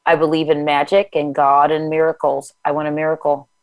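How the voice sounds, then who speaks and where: A woman's voice: low voice, flat delivery, a little fast, clear, resonant tone, dry recording, poor audio. A woman reading her own first-person memoir aloud, then talking it over in chatty conversation full of fillers. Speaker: author and guest.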